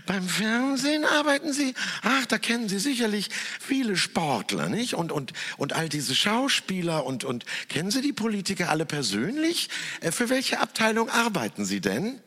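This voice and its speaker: A man doing a high, gushing party hostess. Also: sing-song, normal speed, few pauses, pushed and bright, slightly rough, big-room sound, heavily acted. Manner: effusive, breathless questions.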